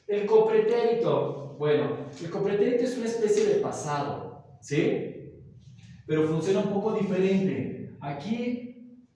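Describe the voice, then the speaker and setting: A man's voice: fairly high pitch, dark tone. A man teaching a grammar class, explaining step by step and often checking in with his students. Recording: very echoey room, voice from far off.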